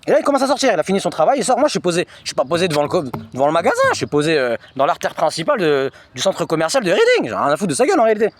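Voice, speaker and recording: A man's voice: sits high, sing-song, rapid-fire, hardly any pauses, no room sound. A man telling a personal story in an agitated, repetitive, slangy monologue. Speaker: vlogger recounting personal experiences.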